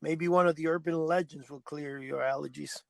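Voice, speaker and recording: A man's voice: on the high side, fairly even intonation, normal speed, creaky, no echo. A man from Cuba, co-hosting a podcast, telling a long story in a rambling way and often correcting himself. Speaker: podcast co-host. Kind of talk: casual storytelling chat.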